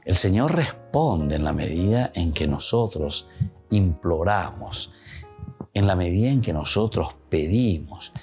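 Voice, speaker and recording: A man with a Paraguayan Spanish accent delivers a reflective homily in a deep, low voice. He keeps slipping between Spanish and Guaraní and circles back to repeat his points. Faint music plays behind him. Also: lively intonation, measured pace, darkish tone. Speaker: priest.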